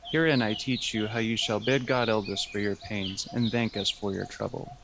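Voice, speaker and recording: A man plays a trusting, courtly old king in a Shakespeare radio drama. The voice is fairly low and gravelly, with formal verse phrasing. Noise and birdsong sit clearly behind it. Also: steady tone, moderate pace. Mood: courteous, pleased. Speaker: student actor. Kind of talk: amateur Shakespearean radio play acting.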